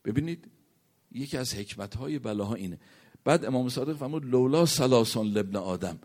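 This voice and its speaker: A man's voice: lively intonation, darkish tone. A man preaching a sermon, reciting Arabic verses and hadith and telling a story, his voice rising and sinking to a near whisper. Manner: rises and falls in pitch, drops to a near whisper at points.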